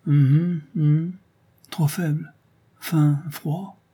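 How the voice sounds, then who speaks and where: Frail old beggar, halting and breathless, put on by a male reader; raised pitch, husky. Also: lively intonation, warm tone. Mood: feeble.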